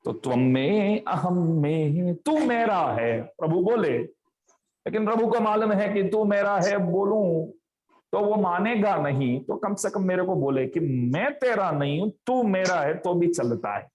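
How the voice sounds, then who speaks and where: A man's voice: high voice, expressive, a little slow, darkish tone, highs cut off. A man giving a devotional discourse, telling a family story and acting out the characters' lines. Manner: acts out family members' quoted lines in a story. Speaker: spiritual speaker.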